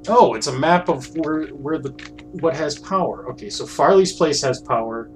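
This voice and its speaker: A man's voice: fairly high pitch, normal speed, faint music behind. A man streaming a puzzle game, thinking aloud in a chatty, unsure way as he works things out. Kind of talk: casual let's-play commentary.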